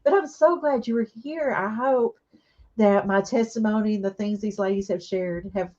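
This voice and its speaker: A woman's voice: medium pitch, normal speed, muffled recording. Teary woman chatting on a craft livestream. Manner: warm, emotional, reads viewer comments aloud and answers them. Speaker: craft live-stream host. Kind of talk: casual live-stream chat with viewers.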